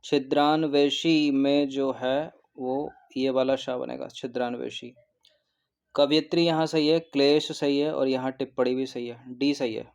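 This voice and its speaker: A man giving a recorded exam-prep lesson who explains each answer and repeats words slowly, often adding a quick "okay". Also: medium pitch, fairly even intonation, vocal fry, a little mellow. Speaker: exam coaching teacher.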